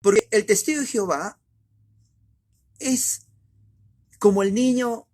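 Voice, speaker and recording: Husky-voiced emphatic male preacher. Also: takes it slowly. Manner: emphatic, rhetorical questions, sharp swings of pitch and loudness. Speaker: preacher teaching doctrine. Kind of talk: conversational sermon.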